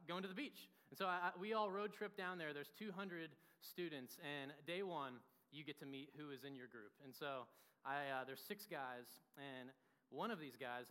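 Young male pastor, twenties, lively storytelling sermon, crisp and bright voice. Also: on the high side, big-room sound. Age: 20s. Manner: animated and talkative, full of fillers. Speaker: pastor and church founder.

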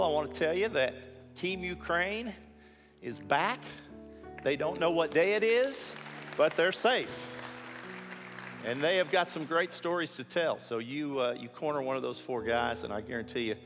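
A man's voice: fairly high pitch, expressive, moderate pace, vocal fry, crowd noise. A man speaking as a pastor, giving friendly church announcements and introducing guests. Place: church sanctuary. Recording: echoey sanctuary with faint music.

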